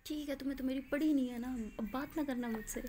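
A woman's voice: high-pitched, fairly even intonation, quick pace, warm tone, slight background noise, close to an everyday voice. A woman doing a whiny, impatient young woman. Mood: complaining. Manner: whiny, complaining, pleading.

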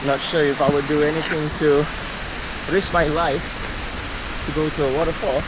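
Young male travel vlogger, a touch high-voiced, chatty while hiking, camera at arm's length, stream and rain noise clear behind. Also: little pitch movement, moderate pace. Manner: chatty, thinking aloud while walking. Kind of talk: casual hiking vlog narration. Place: outdoors on a rainy jungle trail. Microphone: action camera held at arm's length.

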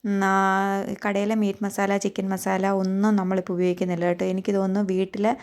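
A young adult woman with a Keralite Malayalam accent narrates a home cooking video as a voice-over recorded on its own. Her voice sits at a middling pitch. She talks in an easy, chatty way and keeps inviting viewers to share their own experiences. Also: monotone, a little fast, darkish tone. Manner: chatty, tags many sentences with a friendly aside, asks viewers to share. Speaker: cooking vlogger. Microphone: voice-over recorded separately.

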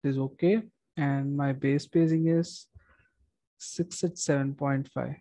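A young man who is a structural engineer, giving a methodical screen-recorded software walkthrough with frequent fillers and restarts. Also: medium pitch, steady tone, a little slow, no echo, rough recording.

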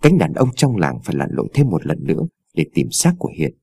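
A man narrating a ghost story in a dramatic, expressive reading on a close mic. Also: extremely low pitch, fast, creaky, breathy edge, dry recording.

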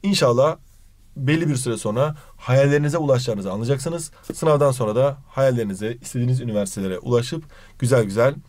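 A young man teaching an exam-prep grammar lesson, quickly asking and answering his own questions, recorded close and dry. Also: mid-range voice, darkish tone, dry recording.

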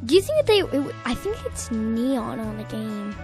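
High, playful girl co-host. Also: very animated, normal speed, music in the background. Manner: playful, makes animal noises, eager questions. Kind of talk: casual family toy unboxing.

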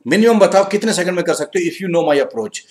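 A man with an Indian accent teaching an English grammar live class in a mix of Hindi and English, energetic and coaxing, reading sentences slowly and murmuring to himself while he checks answers. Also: high-pitched. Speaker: exam-prep English teacher. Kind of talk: live online class, Hinglish.

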